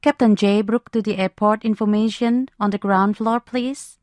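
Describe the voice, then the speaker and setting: A woman's voice: medium pitch, steady tone, moderate pace, a little mellow, dry recording, natural voice. A woman playing a formal airport announcer reading scripted announcements. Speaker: airport announcer in listening exercise.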